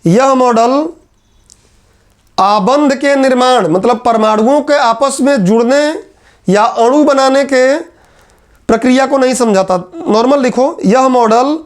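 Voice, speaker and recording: A male teacher, dictating lecture notes point by point and repeating each line for students to write. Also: extremely high pitch. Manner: repetitive, dictates points slowly then explains in quick asides.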